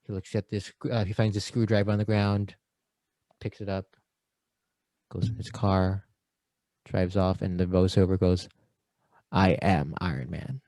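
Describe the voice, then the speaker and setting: Playful man pitching movie fixes. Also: monotone, dark tone, no room sound. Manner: playful, acts out lines in quick voices. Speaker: podcast co-host. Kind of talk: casual chat.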